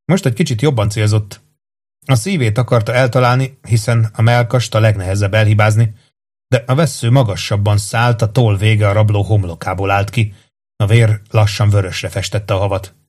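A man reading a fantasy novel aloud in a measured, even storytelling manner. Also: fairly low pitch. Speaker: audiobook narrator. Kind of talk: scripted narration.

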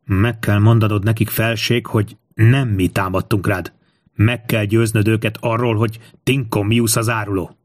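A man's voice: on the low side, flat delivery, no room sound, clean studio sound, lightly acted. A man voicing a young Roman centurion who gives urgent orders in an audiobook.

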